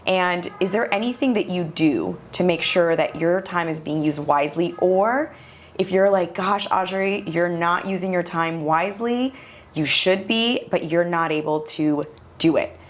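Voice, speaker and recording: A woman's voice: fairly low pitch, unhurried. A woman in her forties hosting a podcast, asking casual, curious questions in a conversational interview. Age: 40s. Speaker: podcast host.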